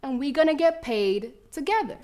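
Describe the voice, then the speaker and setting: Performing live, a woman plays a fierce, cocky preteen American girl runner in a first-person theatrical monologue, telling her story in brash, slangy street talk. Her high voice is expressive and darkish at a moderate pace, and the mood is defiant and earnest.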